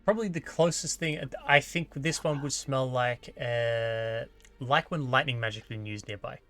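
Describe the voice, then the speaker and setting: An Australian man narrating a tabletop game as game master, casual and halting as he improvises. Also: mid-range voice, sharp tone.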